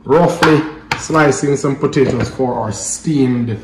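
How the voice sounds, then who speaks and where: A man's voice: medium pitch, slow pace. A man in his thirties from Jamaica with a Jamaican accent, hosting a casual cooking vlog in an easygoing, chatty manner. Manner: easygoing, chatty, patois-flavored banter. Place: home kitchen, indoors. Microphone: camera mic at a distance. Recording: roomy kitchen echo, distant mic, clear background noise.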